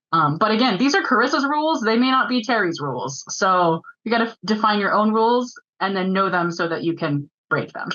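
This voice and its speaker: A woman giving a technical presentation at a user group meeting, talking fast in a chatty way with filler words. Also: mid-range voice, a bit bright, lo-fi sound.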